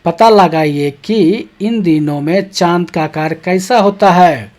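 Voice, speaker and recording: Speaking in a mid-range voice with a darkish tone, a teacher goes through textbook exercises for young schoolchildren at a deliberately slow, easy pace. Each question is read aloud, then answered step by step, with regular "ठीक है" check-ins.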